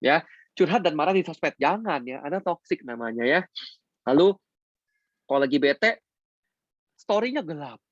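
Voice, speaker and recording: A man giving a chatty, teasing motivational talk to his business team, jumping sharply up in pitch for emphasis. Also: no room sound, muffled recording. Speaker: business mentor addressing his downline.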